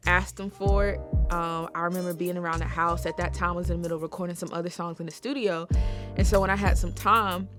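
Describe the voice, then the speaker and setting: Young woman telling a story, faint music. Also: fairly low pitch. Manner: animated, acts out her own thoughts while telling the story. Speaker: singer and songwriter. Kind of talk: casual behind-the-scenes storytelling.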